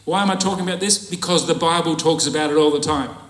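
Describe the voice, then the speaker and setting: A man's voice: on the high side, quick pace, a bit bright, roomy sound, poor audio. A man preaching a sermon in a conversational, jokey way and laughing at his own asides.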